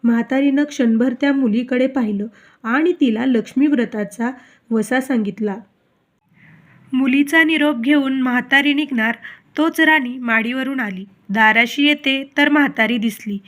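High-voiced woman narrating a devotional tale. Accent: Marathi. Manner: steady, measured storytelling. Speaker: storyteller.

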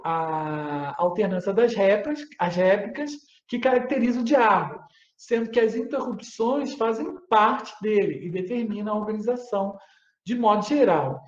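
Male university lecturer, explanatory, tag-question habit, reverberant and slightly muffled recording. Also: sits high. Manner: explanatory, frequently tags phrases with "né?", hesitant fillers. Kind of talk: online academic lecture. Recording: roomy, slightly dull audio.

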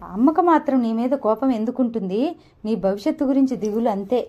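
A woman voicing a frail, gentle elderly grandmother who speaks tenderly and sorrowfully. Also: on the high side, a little fast, lo-fi sound, lightly acted. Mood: sad, tender.

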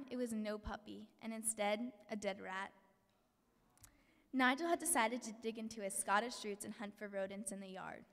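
A teenage middle-school girl with a mid-range voice reads an earnest prepared speech from notes at a podium, making small slips. She speaks into a podium mic in a large school hall before an audience, filmed by a distant camera at the back, with long hall reverb.

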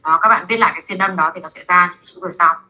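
A woman teaching basic French to a class in a classroom, with a Vietnamese accent, repeating words slowly for students to echo. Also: fairly low pitch, pushed and bright.

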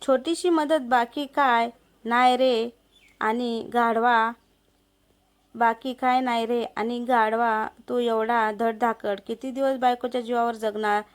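A woman's voice: on the high side, steady tone, slow, clear, resonant tone. A woman voicing a lecherous, threatening male village moneylender in a story. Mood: sly. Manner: threatening, coaxing. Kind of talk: storybook narration.

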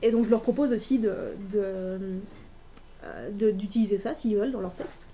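A woman's voice: mid-range voice, normal speed, warm tone, slight background noise. A woman gives an informal talk as an author presenting a workshop, chatty and hesitant, with frequent restarts and filler sounds. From Belgium.

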